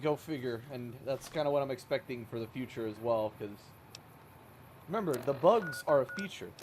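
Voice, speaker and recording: A man's voice: medium pitch, darkish tone, a little hiss or hum. A man streaming a game, chatting casually as he plays, rambling and correcting himself with sarcastic asides. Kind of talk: casual gameplay commentary.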